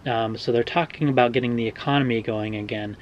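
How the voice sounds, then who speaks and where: A young American man talks through viewer questions in a laid-back vlog, pausing often on ums and uhs. His voice sits at an ordinary middle pitch. A faint hum of background noise runs under the recording. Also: lo-fi sound. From Oregon, USA. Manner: relaxed, hedging, many ums and uhs. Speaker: vlogger answering viewer questions. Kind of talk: casual explanatory vlog.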